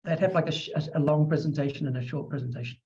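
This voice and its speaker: A middle-aged man hosting an interview, talking in a chatty, animated way and acting out quotes. His voice sits a bit high, and the recording sounds dull and lo-fi. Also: racing. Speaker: podcast host. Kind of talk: casual interview chat.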